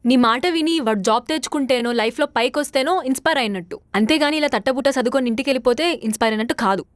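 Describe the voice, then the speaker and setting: A woman's voice: a little high, rapid-fire, no room sound, close to an everyday voice. An actress playing a blunt young woman who scolds her roommate. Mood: scolding.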